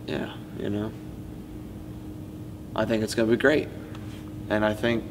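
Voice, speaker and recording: Teen male, rambling casual storyteller, low-pitched, recorded in a reverberant hall. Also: flat delivery, a little slow. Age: late teens. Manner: rambling, heavy use of "like" and "you know". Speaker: student stage tech interviewee. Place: empty school auditorium. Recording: reverberant auditorium, faint hum.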